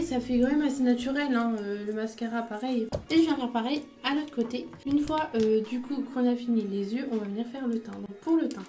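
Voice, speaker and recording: A woman's voice: on the high side, mellow. A woman chatting casually through her makeup routine step by step, with small fillers as she goes. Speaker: beauty vlogger.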